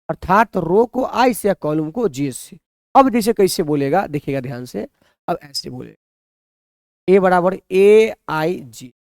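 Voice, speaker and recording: A man's voice: high-pitched, a little mellow, no room sound, studio quality. A man teaching a maths lesson, who keeps asking the students questions and answering them himself.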